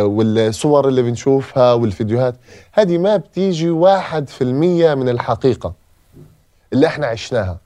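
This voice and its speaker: A man's voice: medium pitch, warm tone, no room sound, clean studio sound. A man from Gaza with a Palestinian accent gives an emotional personal testimony as a podcast guest and repeats phrases for emphasis. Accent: Palestinian Arabic.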